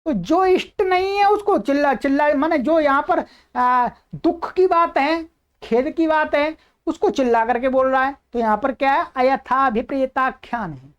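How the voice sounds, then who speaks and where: Female grammar teacher, high bright pitch, patient step-by-step explainer who reads forms slowly and repeats them. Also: lo-fi sound. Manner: explains step by step, often asks and answers her own questions. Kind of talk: recorded online lesson.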